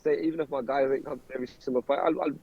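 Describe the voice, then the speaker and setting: A man's voice: medium pitch, fairly even intonation, very fast, slightly rough, phone-quality sound. A man, a professional boxer chatting casually in an interview, rambling and repeating words as he starts sentences. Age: 20s.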